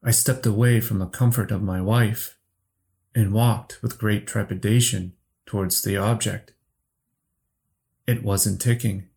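Slow gravelly male horror narrator. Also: lowish voice, fairly even intonation, a little mellow. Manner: slow, measured storytelling. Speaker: podcast narrator.

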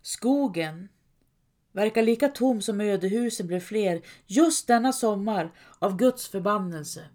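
A woman reading a dark folk tale aloud as narrator, in a measured, dramatic way. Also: mid-range voice, expressive. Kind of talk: scripted storytelling narration.

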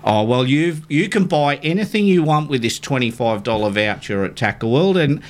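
A man's voice: medium pitch, lively intonation, normal speed. An Australian man hosting a radio show in a casual, chatty live style. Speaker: radio fishing show host. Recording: faint background noise.

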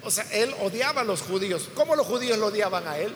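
Faint room noise and hall reverb surround a preacher explaining a Bible passage step by step and emphatically acting out its dialogue. His voice is high, animated, and fairly bright, and he speaks at a quick pace.

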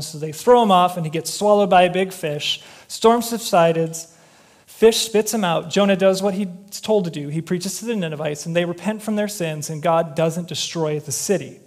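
A man preaches in a relaxed, conversational way and breaks into joking personal asides. His speaking voice sits a little higher than most men's. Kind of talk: conversational sermon.

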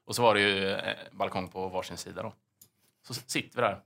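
A man's voice: sits low, steady tone, creaky, fairly bright tone. A man co-hosting a casual podcast chat, telling stories animatedly and acting out the voices in them. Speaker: podcast host.

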